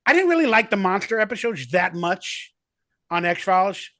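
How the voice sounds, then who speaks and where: Here a high, sing-song voice belongs to a man in his forties who is guesting as an actor over a video call. He talks at a moderate pace with a fairly bright tone, rambling eagerly with plenty of fillers, and the audio is clean studio sound with no echo, fitting a casual remote interview.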